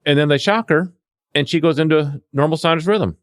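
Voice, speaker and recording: In a slightly high voice at a fairly quick pace, a man shares conversational stories from his work as a paramedic and CPR instructor. He acts out the dialogue with quotes, and the recording is studio quality with no echo.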